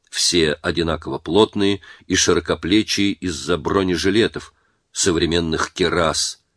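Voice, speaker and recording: A man narrating a war story in a measured, dramatic reading. His voice sits low, and the sound is dry and close with no room echo. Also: a bit bright.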